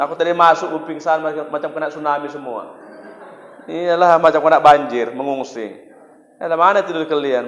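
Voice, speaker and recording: A man's voice: a little high, muffled recording. A male preacher giving a humorous sermon, acting out dialogues and chanting verses. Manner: lively, acts out dialogue, chants Quran verses. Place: mosque hall. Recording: echoey hall.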